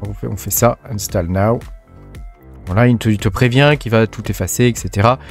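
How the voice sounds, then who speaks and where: A man's voice: on the low side, a little fast, gravelly, soft background music. Chatty French man explaining a tutorial. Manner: chatty, informal, many fillers and "hein". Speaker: tech tutorial host. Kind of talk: casual screen-recorded tutorial.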